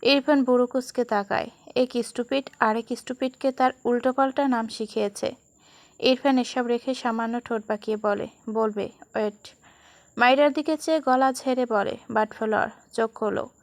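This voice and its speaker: A woman storyteller narrating a scripted romantic story in a steady, even reading voice. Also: fairly high pitch, brisk, no room sound.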